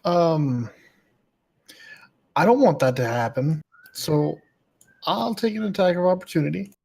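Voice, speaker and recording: A player in a tabletop game who talks casually and makes wry, deadpan asides. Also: mid-range voice, a little slow, creaky.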